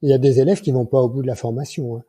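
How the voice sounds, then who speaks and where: Husky-voiced man in his sixties, dark tone. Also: medium pitch, rapid-fire, no room sound. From France. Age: 60s. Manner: colloquial, lively anecdotes with many fillers. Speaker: guest, microlight flight instructor. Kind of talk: casual interview storytelling.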